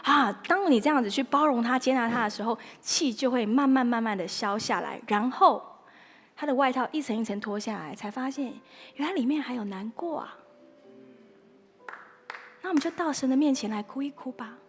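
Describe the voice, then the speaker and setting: A woman pastor preaching a sermon in a lively, playful way, acting out little inner dialogues. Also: a little high, normal speed, husky, in a large hall.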